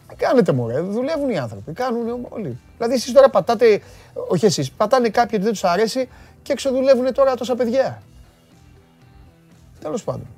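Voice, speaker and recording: A man's voice: high-pitched, breathy edge. Playful Greek-speaking male live host. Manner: playful, teasing, animated delivery with sudden loud bursts. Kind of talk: live-stream chat reading viewer comments.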